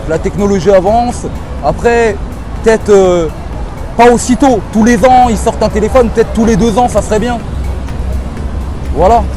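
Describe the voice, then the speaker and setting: A man's voice: high voice, normal speed, pauses often, music in the background, crowd noise. A man, an artist, answering a street interview outdoors in a frank, assured way. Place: busy city avenue outdoors.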